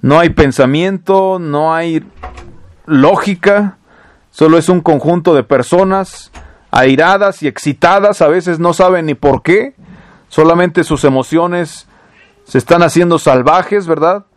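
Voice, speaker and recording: A man's voice: fairly high pitch, measured pace, no room sound. A man preaching a sermon, reading scripture aloud and explaining it with rhetorical questions. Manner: reads verses then explains with rhetorical questions.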